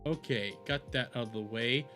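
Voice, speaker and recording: Soft music sits behind a streamer whose mid-range voice comes out pushed and bright at normal speed. He reacts to videos casually, wandering off topic, saying things twice and swearing without restraint.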